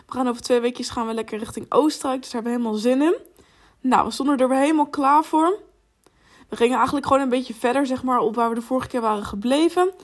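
A young woman in her late teens, chatting upbeat and enthusiastic to a handheld phone camera in a family vlog. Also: high voice. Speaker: family vlogger. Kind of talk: casual vlog chat to camera.

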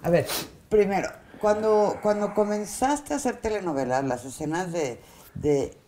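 A woman's voice: medium pitch, lively intonation, moderate pace, warm tone, a little hiss or hum. A woman hosting a casual interview, affectionate and teasing. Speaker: interview host.

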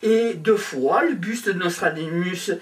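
An older man from Provence presenting his handmade nativity crib to camera in a small room, talking in slow halting phrases full of pauses and fillers. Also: high-pitched, distant mic. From Provence, France. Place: small indoor room with a decorated table. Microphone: clip-on lapel mic.

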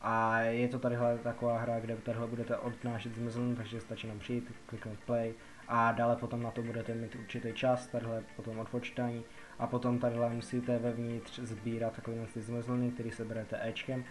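Background music plays under this gaming video, where a man from the Czech Republic explains a game in a loose, repetitive way full of fillers. He speaks in a monotone at a mid-range pitch.

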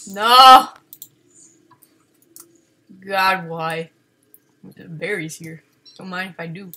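A woman giving casual game commentary, swinging from panicked shrieks and swearing to low muttering. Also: pushed and bright. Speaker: gaming video host.

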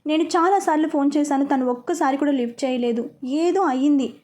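An anxious young sister asks urgent questions in a high voice, as a woman reader puts her on. Her mellow tone sounds worried and caring. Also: a little fast, close to an everyday voice.

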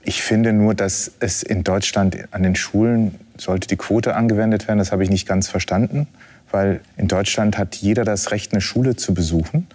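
A man speaking as a panelist in a casual discussion, slow and deliberate. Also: fairly low pitch, steady tone, darkish tone.

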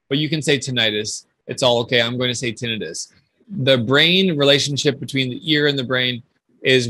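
Man explaining clearly, dry close sound. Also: mid-range voice, fairly bright tone, no room sound. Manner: measured, explanatory, lecturing. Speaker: audiologist guest. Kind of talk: explanatory interview answer.

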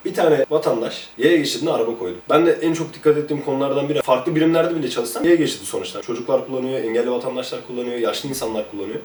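A man recounts his days as a police officer in quick, chatty, anecdotal bursts. His voice sits at an ordinary pitch and carries a roomy echo, picked up from some distance. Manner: lively, chatty, jumps between anecdotes. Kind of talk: casual anecdotal storytelling.

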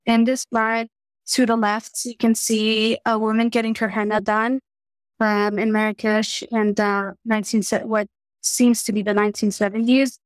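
A woman's voice: on the high side, level tone, normal speed, no echo, rough recording. A teenage girl from Morocco, giving a class presentation over a webcam, earnest and a little hesitant. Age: teens. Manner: earnest, slightly hesitant with fillers and restarts. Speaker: student presenter. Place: small room indoors. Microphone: webcam on a video call.

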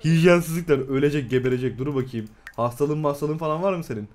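A young man giving excitable live commentary on a game, swearing often and laughing a lot. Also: fairly high pitch, quick pace. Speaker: gameplay streamer.

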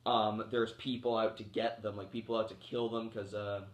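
Still shaking off a cold that keeps making him cough, a man of about thirty reviews a film loosely, restarting sentences and filling gaps with filler words. He talks at a normal speed in a fairly low voice with little pitch movement, recorded in an echoey room.

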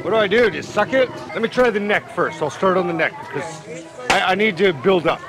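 A man's voice: sits high, brisk. A man in his forties hosting a casual food challenge vlog, exclamatory and hesitant, on a lapel mic outdoors on a street. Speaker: vlog host. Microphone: clip-on lapel mic. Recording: busy outdoor street, music behind.

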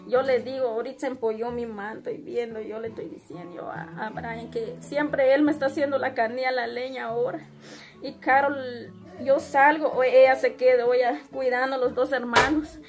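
A woman's voice: high voice, fairly even intonation, normal speed. A young woman with a Guatemalan accent telling her hardships in an interview, tearful and often quoting her conversations with her children. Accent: Guatemalan Spanish. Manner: tearful, retells conversations in quoted speech. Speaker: interviewee, struggling mother. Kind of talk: emotional personal account. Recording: loud music underneath.

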